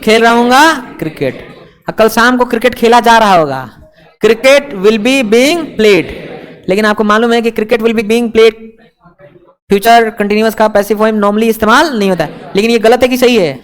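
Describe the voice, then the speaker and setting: A man with a high voice lectures slowly to a room of students. He walks through grammar examples step by step, keeping the class engaged with frequent checks and playful jabs. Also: fairly bright tone, smooth. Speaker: English teacher.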